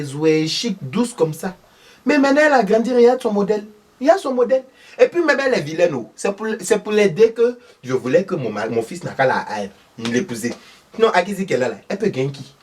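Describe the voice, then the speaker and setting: Comedy role: a man playing a husky, fiery older Ivorian mother, high and very lively, from a distant mic. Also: heavily acted. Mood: insistent. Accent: Ivorian French. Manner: loud, insistent, exclaiming.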